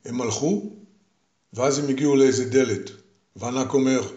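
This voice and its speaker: Give me an older grandfather storyteller, deliberate and repetitive, recorded in a roomy, echoing space. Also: medium pitch, warm tone, highs cut off.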